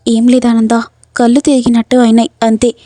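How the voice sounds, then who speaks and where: Woman doing a sick older sister asking whats wrong, soft mellow voice, flat read. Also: on the high side, fairly quick, no echo, studio quality, close to an everyday voice. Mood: gentle. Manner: plain read-out lines, hardly acted. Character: ailing older sister, gentle and questioning.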